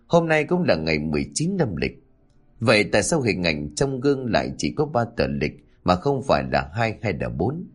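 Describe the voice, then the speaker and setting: A man voicing an older village husband who speaks in a low, halting, uneasy way, over faint music. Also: very animated.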